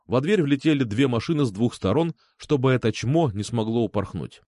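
A man narrating a first-person crime audiobook with a dramatic, expressive reading. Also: medium pitch, a little fast, no echo, studio quality.

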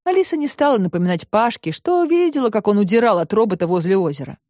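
A woman narrating a children's audiobook in an expressive storytelling manner, close to the mic. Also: medium pitch, fast, no room sound.

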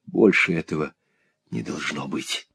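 A man's voice: very deep voice, unhurried, gravelly, breathy edge, pitched below the performer's own voice, full character voice. A man playing a defiant young teacher. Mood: firm. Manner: firm, defiant, rising to angry shouts. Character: young indignant male teacher, righteous.

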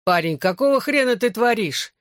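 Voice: mid-range voice, expressive, moderate pace, a bit bright, no room sound, studio quality, pitched above the performer's own voice, close to an everyday voice. A reader voicing a bar owner, a man who calls out in exasperation and then coaxes, in a raised voice, in an audiobook. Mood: exasperated. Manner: calling out, coaxing.

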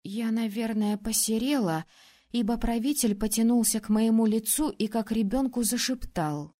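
Expressive woman reading an audiobook. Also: fairly high pitch, moderate pace. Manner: expressive, acting out the heroine's outbursts. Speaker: audiobook reader. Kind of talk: first-person audiobook narration.

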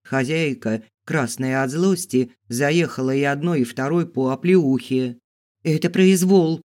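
A man narrates a novel aloud in a steady, even storytelling voice. His pitch sits in the middle range for a man. His delivery is scripted and measured. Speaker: audiobook narrator.

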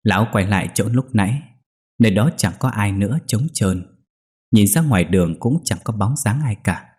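A man narrating a ghost story in a steady, measured way. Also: fairly low pitch.

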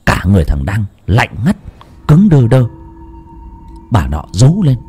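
A man's voice: mid-range voice, wildly swooping pitch, a little slow, darkish tone, slightly rough, faint music behind. Man narrating a dramatic ghost story.

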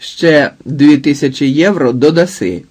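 A man's voice: fairly high pitch, expressive, unhurried, darkish tone, breathy edge. A man voicing a sly, greedy older male smuggler who haggles and asks predatory questions, in an audiobook. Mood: eager.

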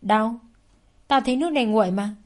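Woman doing a nasty old mother-in-law, spits insults fast and loud, storybook reading. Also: fairly high pitch, natural voice. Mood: venomous, screaming. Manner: venomous, shrieking insults. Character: cruel, abusive older mother-in-law.

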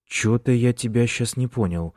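A man voicing a prickly, hot-tempered young man who talks gruff and blunt. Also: medium pitch, moderate pace, a little mellow, no echo, studio quality, pitched above the performer's own voice, natural voice. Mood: angry. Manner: gruff, blunt street talk.

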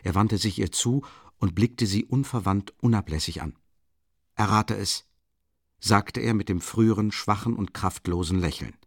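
A man reads literary narration in a measured, even way. His voice is fairly low. The sound is close and dry, like a studio audiobook. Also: husky, no room sound. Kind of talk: scripted narration. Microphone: close studio mic.

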